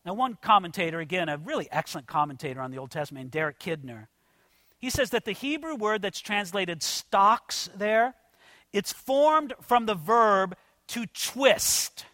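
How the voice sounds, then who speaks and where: Male preacher, very high bright voice, animated, conversational, dry close sound. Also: moderate pace, no room sound. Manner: animated, conversational, addresses listeners as friends. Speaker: pastor. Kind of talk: expository sermon.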